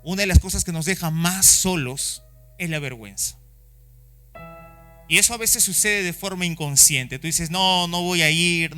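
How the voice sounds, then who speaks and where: Preaching with passion at a church service, a Chilean Spanish-accented pastor performs the voices of the people he quotes. His voice is high, pushed, and bright.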